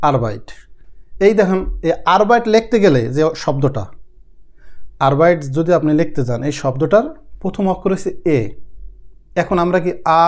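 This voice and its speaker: A man's voice: sits high, darkish tone. A man teaching a casual spoken lesson, repeating each sound several times and explaining in loose, rambling sentences with many restarts. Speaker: language teacher.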